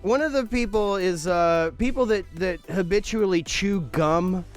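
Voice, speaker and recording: A man's voice: high voice, unhurried, soft background music. A man co-hosting a comedy podcast, telling rambling stories with mock outrage. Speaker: podcast co-host. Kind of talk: casual comedic banter.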